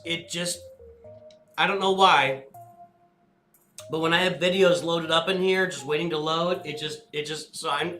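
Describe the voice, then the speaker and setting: A man's voice: a little high, bright, forceful tone. A man hosting a casual live stream as a guild leader, rambling and apologetic as he answers chat questions aloud. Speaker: livestream host and guild leader. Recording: echoey room with faint music.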